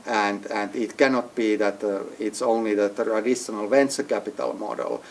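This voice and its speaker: In an executive briefing center, a Finnish entrepreneur is interviewed about business in a lowish, steady, gravelly and slightly mellow voice at a moderate pace. His English is hesitant and non-native in phrasing, with many restarts, and there's a little hiss or hum.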